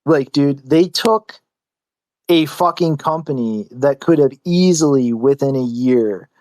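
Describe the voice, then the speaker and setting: A man's voice: mid-range voice, a little slow, darkish tone, no echo. A man giving his opinions in casual chat, emphatic and given to swearing.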